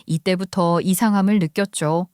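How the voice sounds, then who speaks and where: A woman's voice: fairly low pitch, steady tone, normal speed, darkish tone, dry recording, studio quality. A woman narrating a first-person story in a conversational, confiding way.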